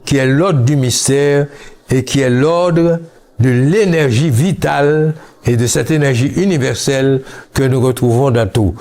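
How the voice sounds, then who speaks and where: A man from Haiti, speaking as an interview guest, recalling his childhood in a slow, musing way that mixes Creole and French. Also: medium pitch, darkish tone. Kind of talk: reflective interview talk.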